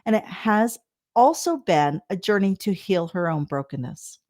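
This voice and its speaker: A woman's voice: medium pitch, animated, measured pace, darkish tone. A woman hosting a podcast, speaking earnestly and leaning hard on key words as she introduces her guest. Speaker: podcast host. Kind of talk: podcast interview.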